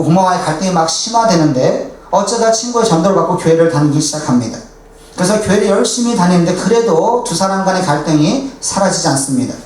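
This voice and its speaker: High-voiced pastor preaching in an echoey church. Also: male voice, a little mellow. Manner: earnest preaching, acts out quoted dialogue. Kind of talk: sermon with storytelling. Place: church sanctuary. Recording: echoey church hall, distant, faint hiss.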